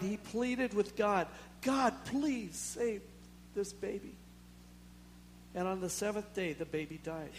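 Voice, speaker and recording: A man delivers a sermon with emphatic preaching, slowing down to hit his key phrases. His voice sits high, and a long hall reverb trails behind it, over a faint noise floor. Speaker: pastor.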